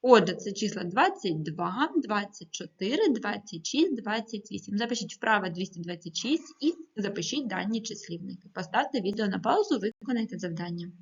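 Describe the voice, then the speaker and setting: A woman teaches primary school children in a recorded video lesson, speaking clearly and patiently and carefully stressing each number she reads aloud. Her mid-range voice swings widely in pitch at a moderate pace with few pauses, and the audio sounds dull.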